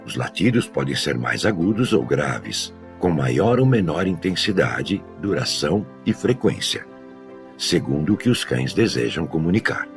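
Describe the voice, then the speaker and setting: A man working as a dog trainer, giving a measured, scripted educational narration. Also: extremely low pitch, big pitch swings, soft background music. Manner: measured, explanatory delivery.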